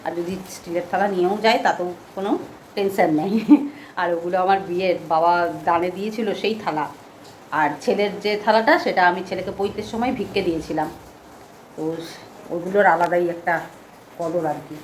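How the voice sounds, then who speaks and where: A middle-aged woman chatting casually and softly through a home vlog, talking while she goes about her day with a cold. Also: fairly low pitch, fairly even intonation, brisk, a little hiss or hum. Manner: chatty, homely, speaks softly. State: has a cold. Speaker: vlogger. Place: at home indoors.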